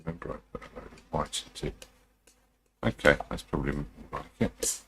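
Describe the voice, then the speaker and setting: A man talking through a live demonstration as a painting instructor, informal and unhurried, muttering his thoughts to himself as he works. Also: rumbling low, expressive, slight background noise. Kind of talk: TV painting instructor style, musing aloud while demonstrating.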